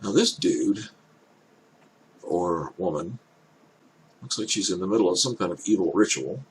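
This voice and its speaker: Older man's deep, elderly-sounding voice, musing. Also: lively intonation. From Canada. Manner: musing, hesitant, thinks aloud in halting phrases. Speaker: reaction video host. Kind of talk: casual off-the-cuff commentary. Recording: clear background noise.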